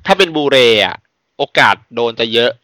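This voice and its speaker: A man's voice: mid-range voice, big pitch swings, normal speed, bright, forceful tone, dry recording. A man in a casual podcast chat, joking and laughing readily.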